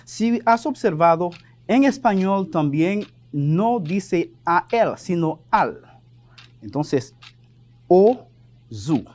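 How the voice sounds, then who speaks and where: A male teacher giving a televised French lesson, speaking slowly and patiently, spelling words out and repeating them. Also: high voice, animated, darkish tone.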